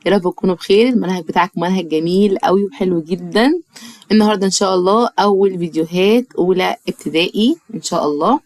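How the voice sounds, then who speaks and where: A woman with an Egyptian Arabic accent teaching English to young children in an online lesson, speaking affectionately and slowing down to drill words for repetition. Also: lowish voice, darkish tone, no room sound. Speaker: primary school English teacher.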